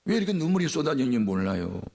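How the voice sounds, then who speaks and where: A man pastor preaching a revival sermon, telling a story in a folksy way that builds into fervent preaching, with big swings in pitch and loudness. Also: very animated, very fast, vocal fry.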